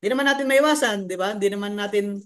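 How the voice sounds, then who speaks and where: A man's voice: high-pitched, quick pace, a bit bright. A man speaking as a motivational seminar speaker, talking conversationally and often asking the audience questions.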